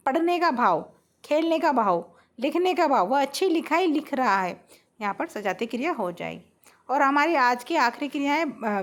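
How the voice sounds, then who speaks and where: A woman teaching a Hindi grammar lesson, explaining each point step by step, repeating her examples and checking in with her students. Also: fairly high pitch.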